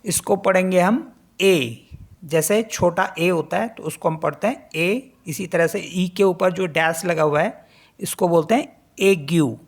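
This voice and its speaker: A woman teaches French pronunciation, explaining in Hindi with many English words. Her voice sits fairly low, and she speaks very slowly and deliberately. She spells each word letter by letter and then says it over several times. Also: slightly rough. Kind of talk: spoken language lesson.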